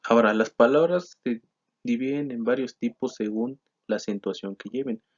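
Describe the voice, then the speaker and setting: On slightly dull, lo-fi audio, a teacher with a middle-pitched voice works through a grammar lesson from his slides. His delivery stays steady and explanatory, though he frequently says "eh" and corrects himself.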